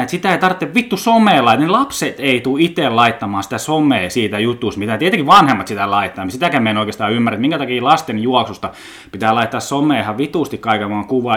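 A man's voice: mid-range voice, fairly bright tone. A man with a Finnish accent hosting a podcast, rambling casually in a blunt, joking way, swearing often and tripping over his words. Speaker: podcast host.

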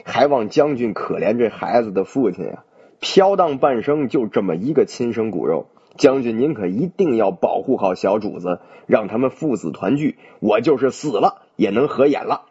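Man reading a tearful wounded noblewoman, pleading, storybook, mellow husky voice, dull lo-fi sound. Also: mid-range voice, expressive, normal speed.

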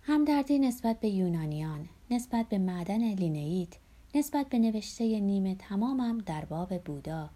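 A woman narrating a literary audiobook in a soft, breathy, half-whispered reading voice. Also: medium pitch.

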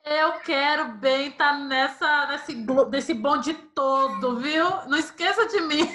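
A woman's voice: sits high, slow, sharp tone. A woman hosting a podcast interview, speaking admiringly to her guest and turning to address the listener directly. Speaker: podcast host.

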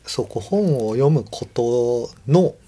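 A man's voice: medium pitch, expressive, slow, dark tone, husky. A man speaking politely and thoughtfully as a podcast guest, nodding along often. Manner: polite, thoughtful, many backchannel nods. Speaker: guest co-host. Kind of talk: casual chat.

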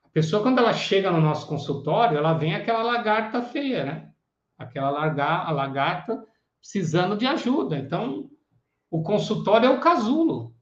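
A man, a psychoanalysis teacher giving a casual teaching talk, animated and acting out the voices of clients and therapists. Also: high-pitched, normal speed. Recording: echoey room, dull lo-fi sound.

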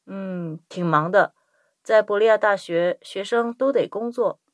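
A woman acts as a courteous young female intern in a language-lesson dialogue. Her pitch sits in the middle for a woman. The sound is dry and close, with a polite, scripted delivery. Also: a little slow, dry recording, lightly acted. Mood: polite, welcoming. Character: polite young Chinese American woman intern greeting a visitor.

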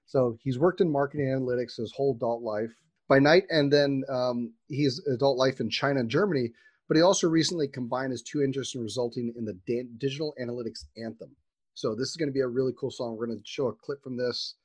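A man co-hosting a podcast interview, excitable and slangy, loose with fillers and restarts. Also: mid-range voice, fast talker, breathy edge, no echo. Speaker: podcast co-host.

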